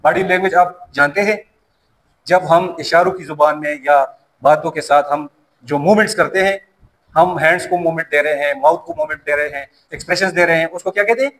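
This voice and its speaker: A fairly quick, slightly bright, high-voiced male safety course instructor gives a classroom lecture. He is a native Pashto speaker from the Pashto-speaking region of Pakistan, and he explains by posing questions and answering them himself.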